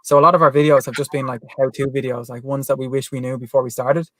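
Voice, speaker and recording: Irish man, guest on a live chat, rapid easy delivery, dry sound. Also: mid-range voice, level tone, dry recording. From Ireland. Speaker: guest vanlife vlogger. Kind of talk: casual chat on a livestream.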